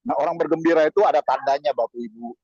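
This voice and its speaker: A man in his fifties preaches with a slightly raised, husky voice, leaping upward in pitch to stress a point and dropping into chatty asides. The recording is dull and lo-fi, with a close, dry sound. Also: quick pace, dry recording. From Indonesia. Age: 50s. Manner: lively, swings pitch up for emphasis, chatty asides. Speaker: pastor. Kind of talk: sermon over video call.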